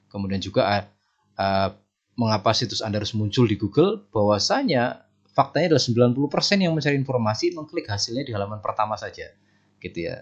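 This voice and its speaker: A man explaining facts to viewers in a presentation style. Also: on the low side. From Indonesia. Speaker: business and SEO presenter. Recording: dull lo-fi voice recording.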